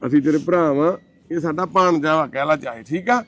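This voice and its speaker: A man's voice: fairly high pitch, a little fast. A man, hosting and comforting a troubled man, then speaking earnestly to the camera. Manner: warm, consoling and reassuring; earnest and pleading. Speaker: host helping a troubled man. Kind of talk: casual talk, then address to camera.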